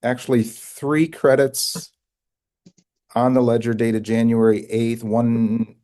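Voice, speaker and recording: A man's voice: medium pitch, little pitch movement, slow, mellow. A male attorney for the plaintiff, reading out balances in a businesslike way. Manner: businesslike, reads figures. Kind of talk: courtroom statements.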